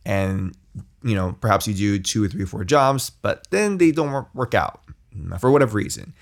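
A man's voice: fairly low pitch, lively intonation, moderate pace, gravelly. A man hosting a podcast, giving rambling casual advice with many restarts and tag questions. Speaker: podcast host.

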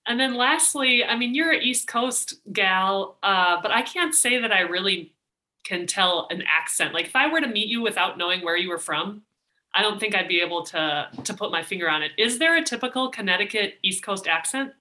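A woman's voice: mid-range voice, animated, moderate pace, sharp tone. A woman from Minnesota hosting a podcast, chatting casually and laughing easily. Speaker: podcast host. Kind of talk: casual interview and outro.

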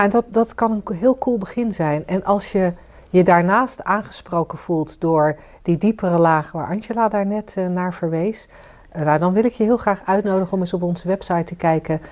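A woman co-hosting a podcast, talking casually and asking listeners questions. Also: fairly low pitch. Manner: warm inviting, asks listeners questions. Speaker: podcast co-host and coach. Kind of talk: casual conversation with listener invitations.

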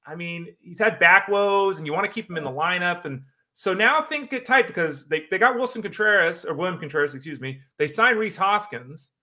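A man co-hosting a casual sports talk show, quick and exasperated, rattling off names. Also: high-pitched, animated, sharp tone. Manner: quick, exasperated, rapid-fire lists. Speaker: podcast co-host.

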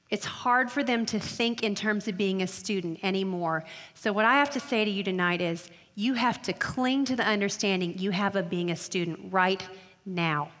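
A woman's voice: medium pitch, a bit bright. Middle-aged woman speaker, earnest sermon to students, emphatic, long hall echo. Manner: earnest, emphatic, slows down for key phrases. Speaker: speaker addressing college women.

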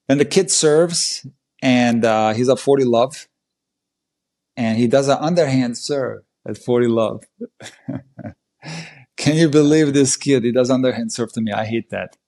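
Man recounting a match, animated. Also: mid-range voice, measured pace, long pauses. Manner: animated, emphatic play-by-play retelling. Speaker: podcast guest, tennis coach. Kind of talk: conversational storytelling.

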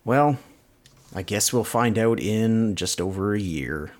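Canadian guy cohosting a podcast, lowish voice, kinda hesitant, dry jokes. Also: animated, slow pace. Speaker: podcast co-host. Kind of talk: casual podcast chat.

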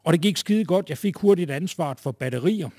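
A man's voice: on the high side, expressive, dark tone, slightly rough, dry recording, clean studio sound. A middle-aged man telling a wry, self-mocking story about his working life to a live audience.

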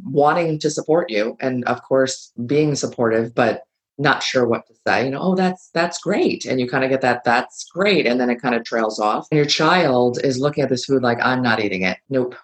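A middle-aged woman hosting a talk show, chatting casually about change and acting out what family members say in quick little voices. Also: a bass voice. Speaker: podcast host. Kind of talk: casual advice monologue.

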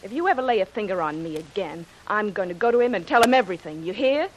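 A woman playing a defiant, sharp-tongued character in 1940s radio drama, melodramatic and scolding. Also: medium pitch, expressive, fast talker, a little hiss or hum, natural voice, poor audio. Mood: scornful.

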